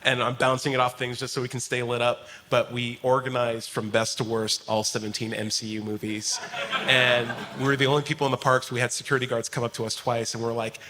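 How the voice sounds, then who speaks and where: A man on a convention panel, telling stories in an animated way and laughing along. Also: medium pitch, a little fast. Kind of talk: lively anecdote telling.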